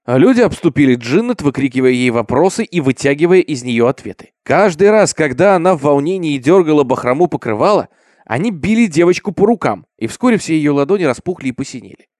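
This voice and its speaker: Male horror storyteller, grave and expressive, slightly high voice, dry close sound. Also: a little fast, no echo. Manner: grave, darkening to a hush in grim passages. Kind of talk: dramatic horror story reading.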